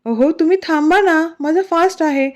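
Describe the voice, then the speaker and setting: A woman voicing a shy, easily flustered young wife in a storybook romance, with a slightly high, mellow voice and a pleading, mildly irritated manner. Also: lively intonation, normal speed. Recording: dull, lo-fi recording.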